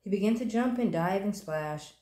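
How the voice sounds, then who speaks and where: Mellow woman reading a children's story aloud. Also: medium pitch, expressive, normal speed. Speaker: storybook reader, channel host. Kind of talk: children's read-aloud narration. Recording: roomy echo.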